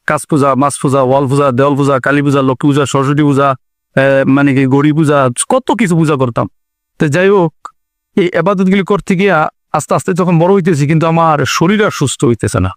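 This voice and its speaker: A young man earnestly telling his own life story, pausing often with fillers. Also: a little high, no room sound, studio quality. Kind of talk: personal testimony.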